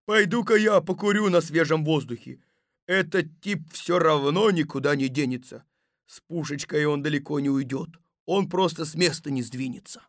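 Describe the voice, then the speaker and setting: An excitable, cowardly male watchman, voiced by a woman for an audiobook. He shouts in loud slogans in a lowered voice. The recording is dry and close. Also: normal speed, dry recording, lightly acted. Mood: scheming. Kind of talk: audiobook character voice.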